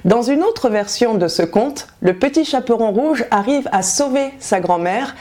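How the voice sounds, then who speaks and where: Woman storyteller, fairy-tale reading for learners, very slow, mellow tone. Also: fairly high pitch, expressive. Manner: slow, careful, clearly articulated. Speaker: storyteller and language teacher. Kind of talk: storybook narration.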